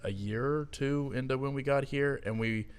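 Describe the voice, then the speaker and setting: A man's voice: medium pitch, moderate pace, smooth. A man as a podcast guest, recalling his workplace in a reflective manner with dry humor. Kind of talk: casual interview chat.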